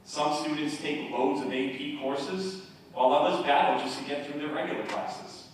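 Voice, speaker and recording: A man's voice: on the high side, normal speed. A man in his forties, a head of school, giving a ceremony speech with joking asides in a large hotel ballroom. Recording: echoey hall from far off, crowd. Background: crowd murmur and room noise.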